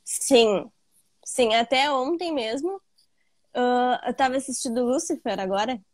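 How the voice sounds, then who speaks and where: A woman student answers questions in a casual interview. Her voice sits a little high, and she stumbles and repeats words before speaking with conviction. The sound is dry and close. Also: unhurried, dry recording.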